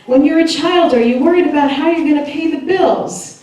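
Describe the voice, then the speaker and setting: A woman minister giving a chatty, lively sermon and laughing often as she talks with the congregation. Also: high-pitched, fairly quick, a little hiss or hum. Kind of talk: sermon with audience interaction. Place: church hall. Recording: echoey hall, voice from far off.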